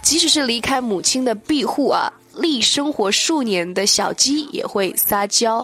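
A woman with a fairly high voice teaches an online English lesson, explaining in Chinese in a lively, chatty way. She reads each English example sentence slowly and then repeats it. Faint music plays behind her. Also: breathy edge.

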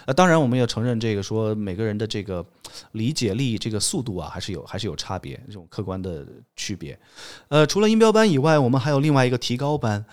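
A man's voice: lowish voice, expressive, fast. A man who teaches English pronunciation, a guest on an interview podcast, explaining his courses patiently and methodically.

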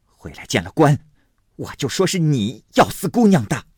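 Male reader voicing a scolding, shrewish mother, pitched up and sharp; dry sound. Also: sing-song, moderate pace, breathy edge, no room sound, heavily acted. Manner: shrill, scolding. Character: shrewish older mother, shrill and scheming.

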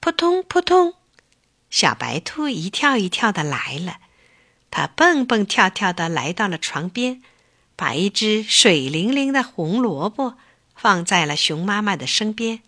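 A woman gently and expressively narrating a children's story. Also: mid-range voice, very animated, unhurried.

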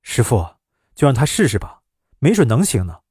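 A man's voice: mid-range voice, big pitch swings, normal speed, a little mellow, breathy edge, no echo, studio quality. A man doing an anxious woman doctor. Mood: coaxing. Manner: urgent and pleading. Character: anxious middle-aged woman doctor, usually gentle.

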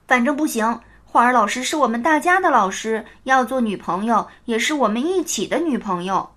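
A woman's voice: fairly high pitch, expressive, normal speed, a bit bright. A woman voicing an earnest little schoolgirl who talks in an urgent, insistent way.

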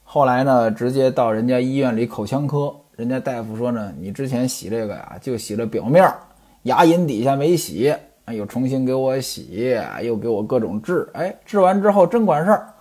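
Husky man explaining an old novel. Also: mid-range voice, expressive, normal speed, darkish tone. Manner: conversational, asks and answers his own questions; digresses into personal anecdotes. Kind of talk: chatty storytelling lesson.

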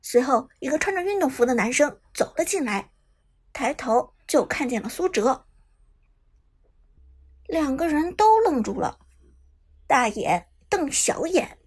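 A woman narrating a web novel audiobook with expressive storytelling. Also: high-pitched, a little slow, long pauses.

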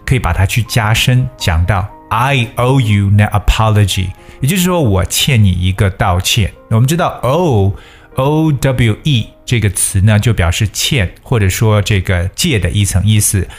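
A man with a fairly low voice teaches English phrases in a patient, explaining way. He repeats each phrase slowly so learners can practice it. Faint guitar music plays underneath. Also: expressive. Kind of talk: bilingual English lesson.

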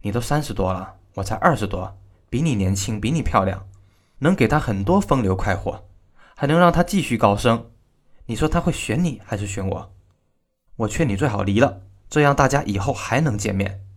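A proud general's daughter speaks with cold scorn in a told story, voiced by a man. Her lines rise and fall in a lively way at an ordinary pitch. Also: fairly quick. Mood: scornful. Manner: cold, taunting delivery. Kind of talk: storytelling narration.

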